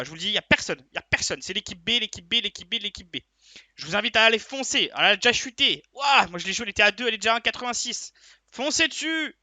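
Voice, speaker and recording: A young man runs through his betting tips in rapid, bright, slightly high speech. He gets hyped and urgent, hammering his picks again and again. The sound is dry and close, with no room around it. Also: no room sound. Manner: hyped, urgent, repeats himself. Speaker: sports betting tipster. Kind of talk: casual betting tips monologue.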